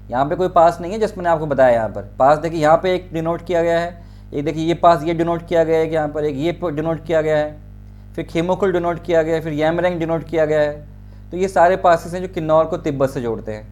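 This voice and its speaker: A man with a fairly high voice teaches an exam-prep lesson, walking his students through a map place by place. He repeats each name, fills pauses and keeps checking whether they are following. Faint music plays under his voice. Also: darkish tone. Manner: repeats place names, points out spots with many fillers.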